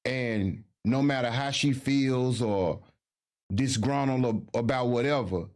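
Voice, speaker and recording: A man's voice: mid-range voice, a little slow, darkish tone. Defensive male guest, mid-range voice, argues back and trips over his words. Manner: defensive, repeats himself, stammers when pressed. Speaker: podcast guest. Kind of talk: heated casual interview.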